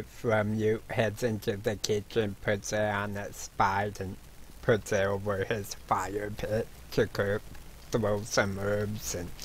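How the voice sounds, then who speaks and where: A man narrating a tabletop game as game master, halting with frequent restarts. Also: on the low side, a little hiss or hum. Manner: halting, many restarts and laughs.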